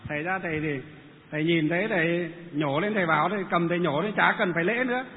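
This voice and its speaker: A man's voice: on the high side, quick pace. A man who is a Buddhist monk, telling a story and asking himself questions. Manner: lively, rhetorical questions. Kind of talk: storytelling talk. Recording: tinny phone-like sound with long reverb and faint noise.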